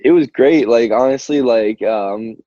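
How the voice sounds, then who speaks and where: A young American band singer from Albany, New York, chats casually as an interview guest in a mid-range, mellow voice at a slightly slow pace. He rambles, says "like" and "you know" a lot, and laughs easily. The audio is muffled and roomy, like a phone call.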